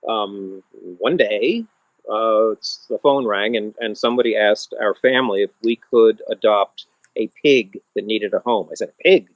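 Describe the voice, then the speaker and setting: A man, a musician being interviewed outdoors on his small farm, telling stories and acting out other people's voices in high squeals. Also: measured pace, no echo, low-quality recording. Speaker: musician guest. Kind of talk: casual storytelling interview.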